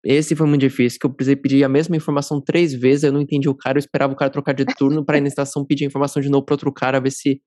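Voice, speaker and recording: Fast-talking man hosting a podcast. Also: medium pitch, level tone, warm tone, no room sound, clean studio sound. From Brazil. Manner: fast, talkative, friendly. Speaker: podcast host. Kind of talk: casual interview chat.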